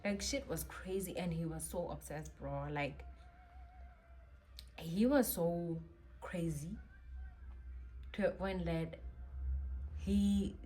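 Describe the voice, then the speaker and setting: A young woman telling a personal story in a vlog, animated and slangy, with sudden loud bursts. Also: fairly low pitch, takes it slowly, long pauses. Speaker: vlogger.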